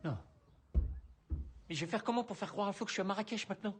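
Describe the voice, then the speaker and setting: An actor playing a flustered young groom who stammers in disbelief. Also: male voice, high-pitched, fast, soft background music, natural voice.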